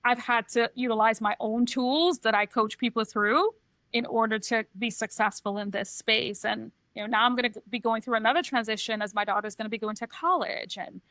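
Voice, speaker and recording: On a casual podcast she co-hosts, a middle-aged transition coach raised in Trinidad and Tobago reflects candidly on her life story. Her bright voice sits a little high with a steady tone and a fairly quick pace, and the recording is dry and close, with no room around it.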